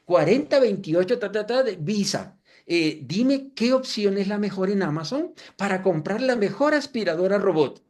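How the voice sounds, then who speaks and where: A man's voice: sits high, lively intonation, moderate pace, darkish tone. A man in his fifties quoting a careless young woman who chats freely about her card details, in his own lecturing voice. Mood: gushing. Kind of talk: quoted example in a lecture.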